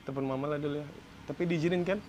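A man filming a prank on his wife at home, speaking tenderly and coaxing, then turning loud and laughing. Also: a little high, fairly even intonation, very fast, a little hiss or hum. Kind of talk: casual home prank vlog.

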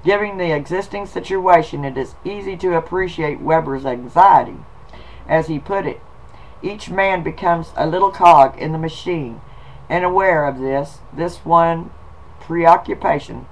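A man with a twang reads aloud and then spins a folksy old story for his viewers. He takes his time, drawing out his words at a slow, easy pace, and his voice sits a touch on the high side. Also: rough recording. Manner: folksy, slow, drawling delivery with y'all and 'em. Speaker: video blogger. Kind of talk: casual reading and storytelling.

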